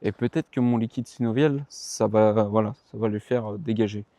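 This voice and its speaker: A man's voice: lowish voice, steady tone, normal speed, warm tone, no room sound. A tired young man chatting casually to his viewers about his running training, rambling and correcting himself in slangy speech, outdoors. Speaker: running vlogger. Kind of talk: casual vlog chat to the viewer.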